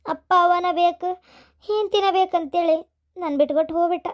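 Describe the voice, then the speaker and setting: A woman's voice: very high-pitched, fairly even intonation, brisk. A woman voicing a heartbroken young abandoned cartoon wife who complains plaintively, with a North Karnataka Kannada accent. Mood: sad.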